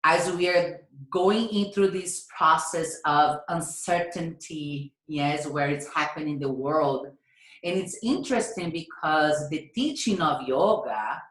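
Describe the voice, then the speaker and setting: A woman teaching a yoga class, guiding breathing with calm, soothing instructions. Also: sits low. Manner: calm, soothing, slow guidance with frequent "yes" and "right?". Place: yoga studio. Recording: echoey room.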